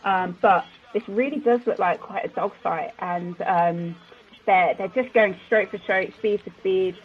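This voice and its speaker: A woman's voice: medium pitch, measured pace, phone-quality sound. A woman giving live sports commentary as color commentator, enthusiastic and full of fillers and restarts.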